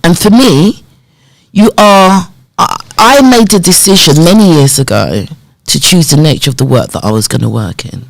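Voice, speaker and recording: A woman in her fifties tells her story as a podcast guest, her pitch swinging up and down as she plays out old conversations. Her voice is recorded close and dry, with no room around it. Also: normal speed, creaky, no echo, rough recording. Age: 50s. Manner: animated storyteller who acts out remembered dialogue. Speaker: podcast guest, community development worker. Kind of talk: personal storytelling in a podcast interview.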